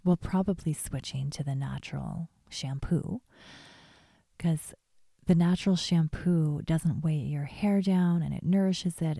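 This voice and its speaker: A woman whispering casual beauty and hair tips in a gentle, chatty ASMR vlog, often trailing off mid-thought. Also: sits low, gravelly, no room sound, clean studio sound. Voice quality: soft whisper. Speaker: beauty vlogger.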